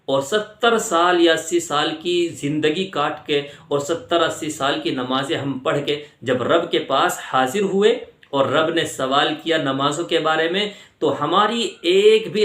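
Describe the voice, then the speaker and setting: A man teaching how to pronounce the Arabic words of prayer, patiently repeating each phrase slowly for the listener to copy, with an Indian Urdu accent. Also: on the high side, fairly bright tone, echoey room. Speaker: Islamic teacher. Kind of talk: religious instruction on prayer pronunciation.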